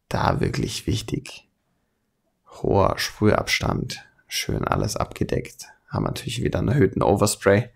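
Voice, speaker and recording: Hosting his hands-on airbrush tutorial, this man speaks in a low-ish, gravelly voice with a breathy edge. His light Swabian accent colors the casual, colloquial delivery, and he chuckles a lot as he chats.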